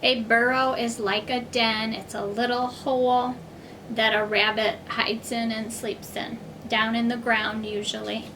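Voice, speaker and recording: A woman speaking as a kindergarten teacher, with simple, deliberate phrasing as if reading to a toddler. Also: on the high side, little pitch movement, pushed and bright, a little hiss or hum, rough recording. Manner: simple, deliberate phrasing addressed to small children. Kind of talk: children's reading lesson, as if reading to a toddler.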